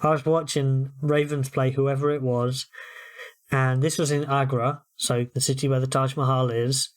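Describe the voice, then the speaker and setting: A man's voice: medium pitch, little pitch movement, moderate pace, smooth. Chatty British man talking football. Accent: British English. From United Kingdom. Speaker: podcast co-host. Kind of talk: casual sports chat.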